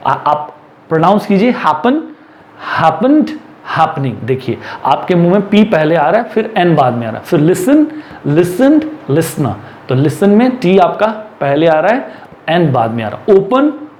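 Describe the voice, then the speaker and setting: Male tutor, high animated voice, slow drawn-out rule reading, echoey room. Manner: slow, stretched reading of English rules, quick Hindi explaining. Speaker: English teacher. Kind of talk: classroom lesson in Hindi mixed with English. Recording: echoey room with faint background noise.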